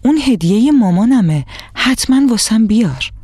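A woman's voice: fairly high pitch, animated, no room sound, voice pushed up. An insistent young schoolgirl, as a woman narrator voices her with a raised, reproachful tone. The sound is dry and close, as in a radio storybook. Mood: upset. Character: young schoolgirl, upset over her book.

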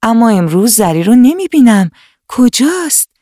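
A woman voicing a wise old magic tree with a sweet, calm voice, speaking slowly and kindly in a storybook reading. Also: fairly high pitch, dry recording, clean studio sound, pitched above the performer's own voice. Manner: slow, soothing, kindly.

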